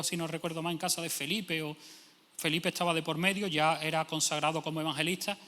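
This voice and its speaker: A man's voice: sits high, bright, forceful tone. A male pastor, preaching a sermon emphatically and acting out imagined speakers. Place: church hall. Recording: long church hall reverb.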